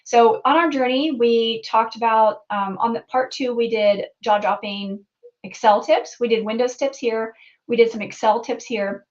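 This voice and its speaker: A woman's voice: a little high, fairly even intonation, normal speed, muffled recording. A woman hosting and guiding a live tech lesson, upbeat and chatty, with frequent restarts and fillers. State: out of breath at the start. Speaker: host and guide of a technology webinar.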